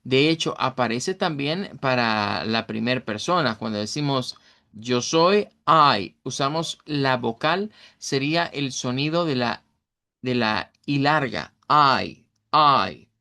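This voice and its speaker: A middle-aged man teaching English, whose accent is Central American Spanish, walks through vowel sounds in a recorded online lesson, with fillers and self-corrections. He speaks a little slowly in a medium pitch, with lively intonation and a fairly bright tone.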